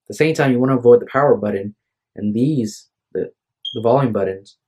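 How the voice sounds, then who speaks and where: This is a rough recording with a little hiss or hum, made on a phone in a room at home, where a tired young vlogger rambles casually to camera. His medium-pitched voice is mellow and a little fast, and he's hesitant and apologetic, often beginning sentences over.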